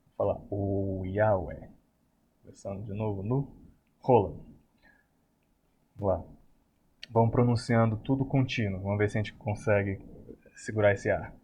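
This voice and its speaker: Low-voiced Brazilian man teaching vowels. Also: steady tone, warm tone, slightly rough. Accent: Brazilian Portuguese. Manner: patient, repeats vowel sounds aloud slowly. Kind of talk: online lesson on Hebrew pronunciation. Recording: slightly dull lo-fi recording with faint noise.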